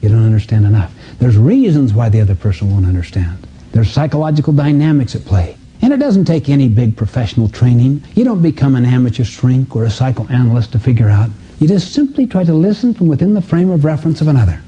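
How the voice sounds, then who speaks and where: Very animated and quick, a motivational seminar teacher speaks at medium pitch with a dark, husky tone. He's giving a live self-help talk to an audience in a seminar room, emphatic and rhetorical-question heavy, acting out dialogues to teach. Sound quality is dull, muffled lo-fi.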